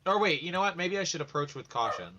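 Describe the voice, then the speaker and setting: A man's voice: on the high side, sing-song, fast, pushed and bright, muffled recording, soft background music. A man playing his character in a tabletop game, talking through his moves in an earnest, cautious way. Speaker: player.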